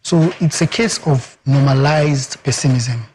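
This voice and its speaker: Guesting on a TV studio interview, this Nigerian communications expert talks in Yoruba-accented English at an unhurried pace, his voice medium-pitched and darkish. He presses his points rhetorically with "guess what" and "you understand," over a faint hiss or hum.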